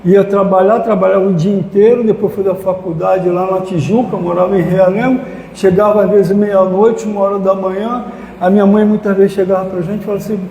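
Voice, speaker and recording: High-voiced man telling a story in an echoey hall. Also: little pitch movement, brisk, gravelly, mellow, a little hiss or hum. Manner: emotional storytelling, addresses audience directly. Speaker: spiritist lecturer. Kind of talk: personal testimony in a spiritist lecture. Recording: echoey hall with long reverb.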